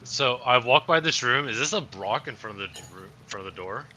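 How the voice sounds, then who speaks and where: A man's voice: mid-range voice, animated, a little fast, bright, forceful tone, slight background noise. A man playing in a tabletop game, speaking in a casual, offhand way. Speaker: player. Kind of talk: tabletop role-play.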